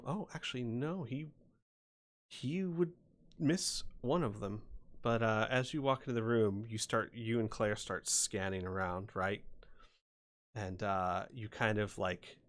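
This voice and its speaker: A man narrating a tabletop game as game master, improvising with halting, suspenseful pauses. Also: on the low side.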